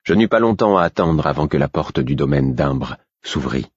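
A man with a very deep, husky voice narrates a fantasy audiobook at a measured pace. The recording is dry and close, with a dull, muffled sound. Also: animated, darkish tone, no room sound. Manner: measured storytelling. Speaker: audiobook reader.

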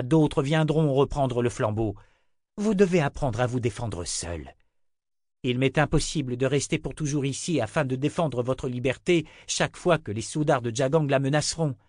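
A man's voice: medium pitch, lively intonation, normal speed, darkish tone, no echo, clean studio sound, pitched above the performer's own voice, lightly acted. A man doing a grave, resolute hero.

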